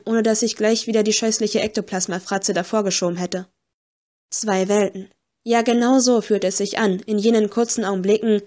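A woman's voice: medium pitch, darkish tone. Woman narrating an audiobook. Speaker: audiobook reader. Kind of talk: first-person audiobook narration.

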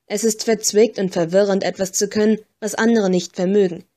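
A woman's voice: medium pitch, fairly even intonation, brisk, mellow, natural voice. Woman reading as a smug whispering skull ghost. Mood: musing. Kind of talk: audiobook reading.

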